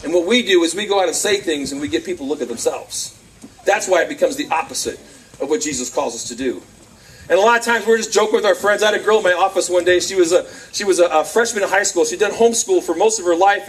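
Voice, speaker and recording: A man giving a lively youth sermon, acting out quotes and laughing often, recorded on a camcorder from across the room. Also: high voice, quick pace, a little hiss or hum. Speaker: youth speaker. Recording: distant camcorder sound, faint crowd.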